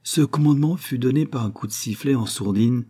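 A man reading a classic adventure novel aloud in measured, scripted storytelling narration. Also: medium pitch, warm tone, breathy edge. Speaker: audiobook narrator.

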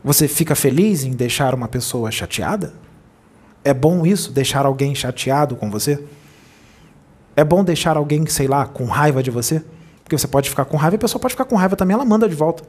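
A man delivering a channeled spiritual sermon as a medium. His voice sits a little high and has a husky edge. He admonishes his listeners and keeps putting rhetorical questions to them. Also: animated, a little fast, a little mellow.

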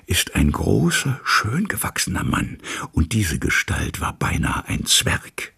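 A man voicing a loyal, frightened old male manservant who drops into hushed whispers, with a gravelly, husky voice. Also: deep voice, expressive, a little slow, voice pushed up, full character voice. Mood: fearful.

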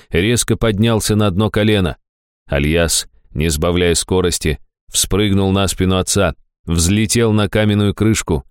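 A man narrating a fantasy audiobook in a very deep, low voice. His tone is smooth and resonant, and the recording is dry and close. He reads at a measured, even pace. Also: dry recording.

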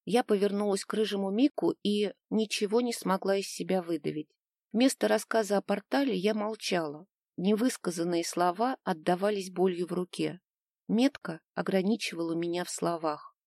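A woman narrating a novel in the first person with an even, measured reading. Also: medium pitch, no room sound, clean studio sound. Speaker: audiobook narrator.

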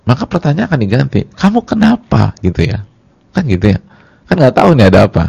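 A man preaching a religious lecture, speaking directly to the women listening and acting out dialogue in a high weeping voice. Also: big pitch swings, quick pace, creaky, a little mellow, husky. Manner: addresses the women in the audience directly. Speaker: Islamic preacher. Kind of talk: sermon-style religious lecture.

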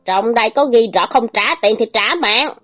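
A swaggering male thug boss barks his threats in a raised, higher voice, all bluster and menace, as a woman puts him on. A storybook villain who jeers at everyone he bullies. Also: moderate pace, a bit bright, faint music behind, lightly acted. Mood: menacing. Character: brutal swaggering male thug gang leader.

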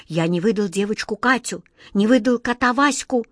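A woman's voice: a little high, normal speed, no echo, lightly acted. A woman voicing a huge, sobbing, remorseful genie. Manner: sobbing, pleading.

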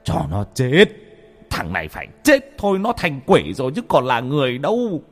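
A man's voice: deep voice, very animated, quick pace, slightly rough, exaggerated voice. A man voicing a stern, hot-tempered older father who barks threats and orders. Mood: furious. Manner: barking threats, curt orders.

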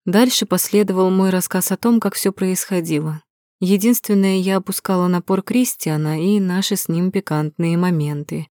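A woman reading a first-person novel aloud in an even, measured storytelling manner, close to the mic. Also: fairly low pitch, no echo. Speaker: audiobook narrator. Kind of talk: first-person audiobook narration.

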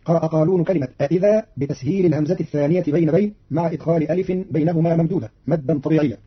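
A man's voice: on the high side, husky. A man presenting a radio program, explaining recitation readings in a formal, didactic way. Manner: fast, formal, didactic delivery. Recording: dull lo-fi radio recording.

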